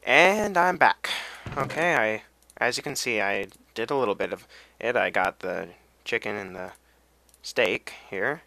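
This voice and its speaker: There's slight background noise as a young man narrates his video game in a fairly low, creaky voice that sounds bright and forceful, at a moderate pace. The commentary is casual and rambling, drifting into tangents while he hums and sings to himself.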